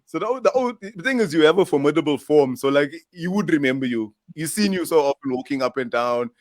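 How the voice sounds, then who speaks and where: A man's voice: a little high, expressive, fast talker, dry recording, clean studio sound. A man with a Durban South African accent hosting a casual chat, laid-back and laughing along, speaking to viewers. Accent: South African English, Durban. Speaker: host.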